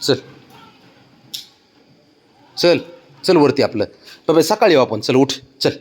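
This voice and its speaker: A man coaxing and pleading with his pet cat in a casual, affectionate pet-talk voice, his calls often rising high and sing-song, recorded outdoors. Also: animated, slow, slightly rough. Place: outdoors below his home.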